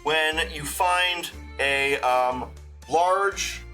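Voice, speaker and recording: Bright-voiced man improvising as game master. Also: on the high side. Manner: improvising aloud, halting. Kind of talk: casual tabletop game narration for a live chat. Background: music.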